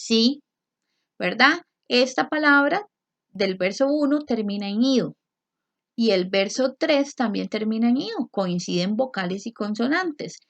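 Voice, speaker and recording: A woman's voice: a little high, no room sound. A woman teacher explaining a lesson step by step, patiently stretching out word endings and checking in with questions. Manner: checks in with frequent rhetorical questions. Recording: dry, dull lo-fi recording.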